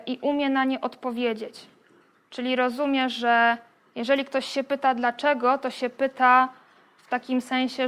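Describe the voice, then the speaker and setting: A woman lecturing on children's speech development. Her voice sits fairly high but moves little in pitch, in an even, explanatory flow. She pauses on fillers, checks in with listeners, and slows right down to spell out examples. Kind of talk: spoken lecture.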